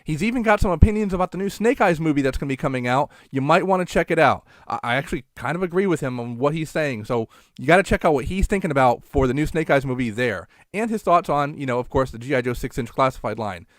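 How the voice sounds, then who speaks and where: A man hosts a casual live show in a fairly high voice. He talks to viewers like a folksy showman, slipping between sponsor plugs and asides. The sound is dry, with little room on it. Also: lively intonation, quick pace, hardly any pauses, no room sound. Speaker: online show host.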